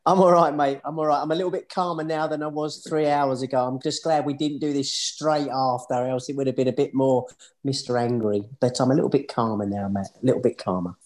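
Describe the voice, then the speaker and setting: A man's voice: mid-range voice, fairly even intonation, fairly quick. A man co-hosting a casual football podcast, speaking bluntly and with exasperation, often repeating words. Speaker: podcast co-host.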